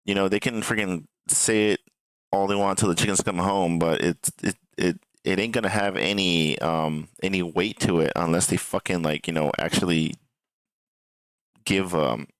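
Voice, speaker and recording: Deep, gravelly man rambling casually. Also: steady tone, normal speed, a bit bright, dry recording, rough recording. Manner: hesitant, repetitive, meandering delivery; swears casually. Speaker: streamer reacting to gaming news.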